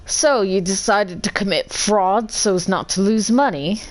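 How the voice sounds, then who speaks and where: A woman's voice: medium pitch, a little slow, close to an everyday voice, low-quality recording. A woman voicing a judge in a game, asking pointed, probing questions in her own voice. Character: stern judge questioning a fraud suspect.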